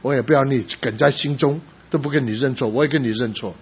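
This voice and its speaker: A man's voice: medium pitch, fast, slightly rough. Emotional man preaching a sermon. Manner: emotional storytelling, rising to loud emphasis then dropping soft. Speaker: pastor. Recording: slightly dull recording with faint background noise.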